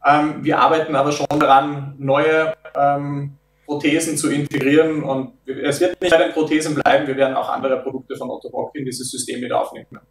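A man in his thirties, a product developer, explains things in an interview in a measured way, often pausing on filler sounds. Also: a little high, level tone. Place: office meeting room. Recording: roomy and distant.

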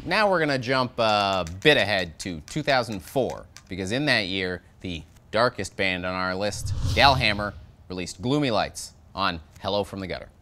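An animated thirty-something host of a metal review show gives a jokey scripted review at a moderate pace, his voice pushed and bright. Sarcasm and wide pitch swings mark his delivery on a studio set with record shelves, with slight background noise present.

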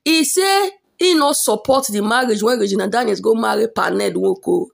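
A woman with a Nigerian Pidgin accent telling celebrity gossip in a dramatic, animated storytelling manner. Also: on the high side, normal speed, gravelly.

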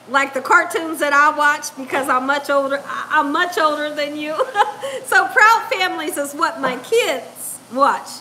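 A middle-aged woman chats on a home-kitchen livestream, speaking very slowly in a very high voice. She laughs often and drawls her words out. She talks into a lapel mic, with faint room noise behind her. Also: pushed and bright. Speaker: cooking channel host reading live chat. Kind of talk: casual livestream chat.

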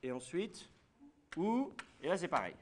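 A man's voice: on the high side, sing-song, a little slow, noisy background. A man teaching a class, explaining step by step and putting questions to his students. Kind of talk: classroom lecture.

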